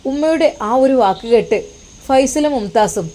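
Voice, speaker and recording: A woman with a Malappuram accent narrates a family story, earnest and emotional in tone. Her voice sits somewhat high for a woman, steady and heartfelt. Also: moderate pace. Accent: Malappuram Malayalam.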